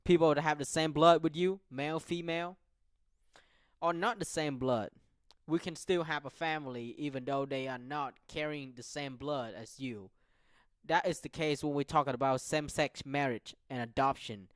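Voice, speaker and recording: Slow-explaining man, a bit high, dry sound. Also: no room sound. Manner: slow, repetitive, checks in with "right?". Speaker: talk show host. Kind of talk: solo explanatory talk.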